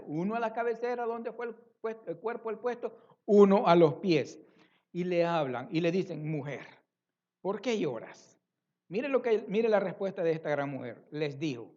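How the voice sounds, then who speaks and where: High-voiced man preaching, muffled sound. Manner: expressive preaching with rhetorical questions and repetitions. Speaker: pastor. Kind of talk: sermon. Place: church.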